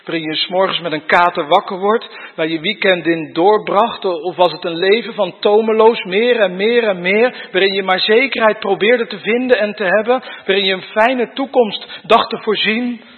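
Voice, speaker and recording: A man's voice: high-pitched, moderate pace, hardly any pauses, husky. A man preaching a sermon in church, pressing his congregation with earnest rhetorical questions. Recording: dull sound with long church reverb.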